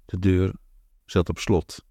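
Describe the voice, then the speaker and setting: A man narrating an audiobook in a calm, measured, even reading. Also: deep voice, no room sound, clean studio sound. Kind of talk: scripted narration.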